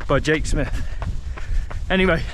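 A man's voice: fairly high pitch, unhurried, a bit bright, slight background noise. Chatty man hosting a running show. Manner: chatty, loose, many fillers. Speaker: running podcast host. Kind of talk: casual interview. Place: outdoors on a wet street, then a home room on a video call.

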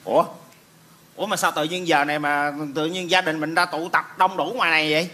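A man's voice: a little high, little pitch movement, fairly quick, background noise, close to an everyday voice. A man playing a nosy, prying grown son who insists on being told the family secret, in a live stage comedy skit. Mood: puzzled.

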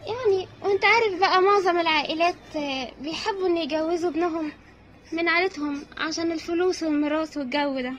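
A woman's voice: very high voice, fast talker, a bit bright, lo-fi sound, soft background music. A woman playing a scheming young wife who coaxes and soothes her husband in a wheedling manner. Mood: coaxing. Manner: coaxing, wheedling.

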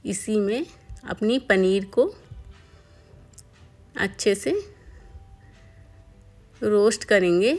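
A woman calmly narrating a home cooking tutorial step by step as a voice-over. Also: medium pitch. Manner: calm step-by-step explaining. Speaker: cooking channel host.

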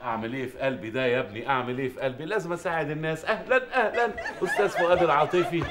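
A man's voice: on the high side, lively intonation, rapid-fire, crowd noise, close to an everyday voice. A man playing a flustered Egyptian shopkeeper husband. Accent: Egyptian Arabic. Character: harried middle-aged husband, shop owner. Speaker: shop owner in a sitcom. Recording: sitcom audio with studio audience laughter. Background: audience laughter.

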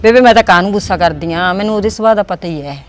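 A woman's voice: medium pitch, soft background music, close to an everyday voice. A woman playing a caring married daughter with a Punjabi accent, talking with her old mother. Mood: earnest. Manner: quick, pleading. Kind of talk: village drama acting.

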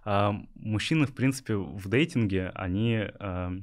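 A young man from Yakutia, Russia, a startup founder, answers interview questions hesitantly, with lots of filler sounds. His voice sits on the low side and he talks at a normal speed.

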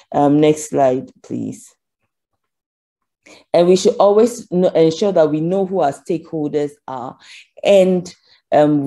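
A woman's voice: low voice, mellow. A woman giving a conference keynote over slides, earnest, with frequent ums as she asks for the next slide. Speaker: keynote speaker.

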